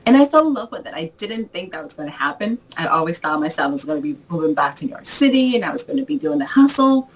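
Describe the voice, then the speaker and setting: A woman in her forties, originally from the Dominican Republic, talks casually as a guest over a video call. Her voice sits low for a woman and has a husky grain. She tells stories with lively energy and laughs often. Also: fast talker, few pauses, low-quality recording. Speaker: author guest. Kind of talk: casual interview chat.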